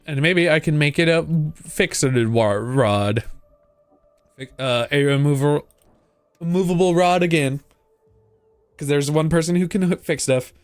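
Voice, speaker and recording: A man's voice: fairly high pitch, a little slow, pauses often, clean tone, no room sound, soft background music. Playful man doing dry-miked game commentary. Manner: playful, muttering asides. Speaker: gaming video host. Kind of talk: casual playthrough commentary, reading game text aloud.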